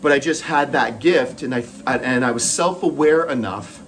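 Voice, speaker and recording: The host, a middle-aged man from Moncton, New Brunswick, in Canada, tells a personal story in a Canadian accent while on a treadmill, his words coming in short, broken phrases. He has a mid-range voice and speaks at a normal speed.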